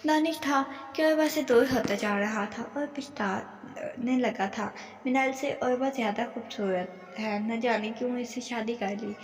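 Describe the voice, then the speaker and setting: A woman storyteller reading a scripted tale in a plain, steady way. Her voice is gravelly and pitched on the high side. The recording is roomy, with a long reverb trailing each phrase. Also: a little hiss or hum. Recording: echoey room with long reverb.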